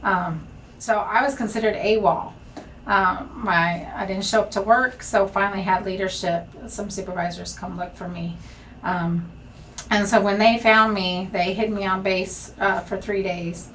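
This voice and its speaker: A woman's voice: mid-range voice, steady tone, unhurried, a bit bright, far from the mic, a little hiss or hum, low-quality recording. A woman, a senior enlisted leader, candidly telling her own story in a sit-down conversation with frequent ums. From Texas. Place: bright indoor studio set.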